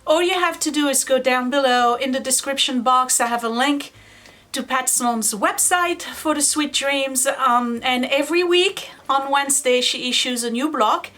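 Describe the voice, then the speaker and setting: The host of a quilting video series speaks in a high, fairly bright voice at a moderate pace. She explains things casually, tutorial-style, often drifting into self-deprecating asides.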